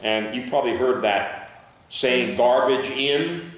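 Pastor guy preaching slow, reads scripture and gets the congregation answering, big echoey church, mic kinda far. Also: mid-range voice, a bit bright. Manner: reads scripture slowly and asks the congregation to call out words. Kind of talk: sermon. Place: church sanctuary.

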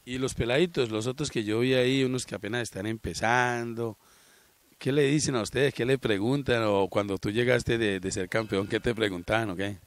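Beside a sports ground, a middle-aged local TV reporter interviews people with a handheld mic and adds earnest, moralizing commentary. His voice is medium-pitched with fairly even intonation and a moderate pace, and there's no room sound.

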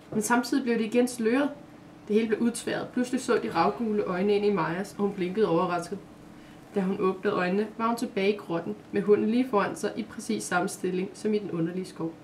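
A woman's voice: medium pitch, steady tone, distant mic, slight background noise. Woman reading a story aloud, off-mic. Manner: plain reading with small slips and self-corrections. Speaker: author reading her story.

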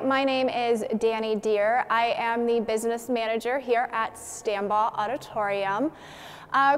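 A woman's voice: fairly high pitch, clear, resonant tone. A young woman, a business manager, giving a chatty holiday greeting with some fillers in a large indoor hall on a lapel mic. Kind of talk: casual holiday greeting to camera. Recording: reverberant hall.

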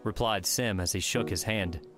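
A man narrating an audiobook in steady, even storytelling. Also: lowish voice, normal speed, loud music behind the voice. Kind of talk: scripted narration.

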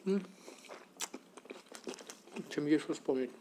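A middle-aged man chatting casually while eating, talking with his mouth full and chewing, reminiscing in a relaxed way. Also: fairly high pitch, slow pace, background noise. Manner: relaxed, reminiscing, drifting to a whisper. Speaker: mukbang vlogger.

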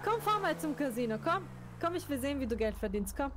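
A woman's voice: sits high, big pitch swings, fast, fairly bright tone, a little hiss or hum. A woman chatting in character in a role-play, teasing and sarcastic.

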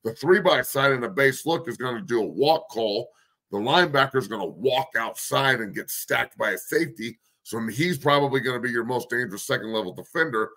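A man's voice: medium pitch, lively intonation, brisk, bright, forceful tone. A man hosting a sports talk show, breaking down football schemes in a blunt, profane, coach-like way while losing his voice.

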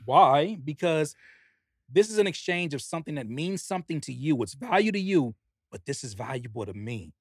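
Animated rapper pitching his album. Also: a little fast, breathy edge, no echo, clean studio sound. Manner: earnest, animated, pitching his pre-order bundle. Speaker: guest rapper and producer. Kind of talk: casual podcast chat.

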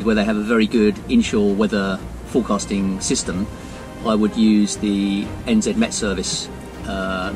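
An older man, a sailor, answering interview questions in a measured, practical way from a boat cockpit. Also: fairly low pitch, low-quality recording. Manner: measured, practical, with filler pauses. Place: boat cockpit under canopy, outdoors.

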